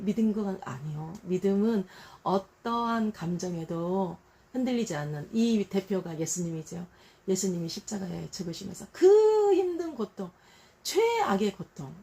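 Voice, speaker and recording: A woman's voice: mid-range voice, slight background noise. A middle-aged woman preacher giving a devotional Bible talk, conversational and full of rhetorical questions, acting out quotes in a raised voice. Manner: animated, acts out quotes in a raised voice.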